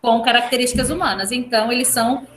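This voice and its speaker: A woman's voice: on the high side, steady tone, a crowd in the background. A woman teacher with a Brazilian accent giving a poetry lesson in a classroom, explaining step by step and often checking in with "tá?". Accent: Brazilian Portuguese. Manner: explains slowly, often adding "tá?". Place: school classroom. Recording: echoey classroom, faint noise.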